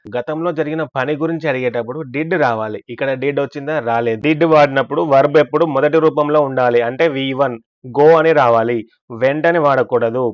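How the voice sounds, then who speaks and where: A man's voice: mid-range voice, brisk, smooth, no room sound, muffled recording. A man teaching English grammar in a scripted lesson, explaining step by step and asking and answering his own questions. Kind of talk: scripted language lesson narration.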